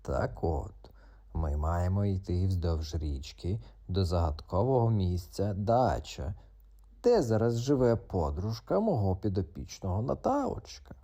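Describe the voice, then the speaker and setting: Man playing a gruff, proud storybook tomcat. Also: low-pitched, sing-song, dark tone, heavily acted. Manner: growling, slow, drawn-out threats. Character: proud, grumpy tomcat, noble and blustering.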